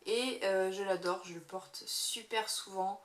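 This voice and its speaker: A woman's voice: mid-range voice, fairly even intonation, unhurried. A young woman chatting casually about her favorite makeup, hesitating often with fillers. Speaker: beauty vlogger. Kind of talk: casual monthly favorites review. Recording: echoey room.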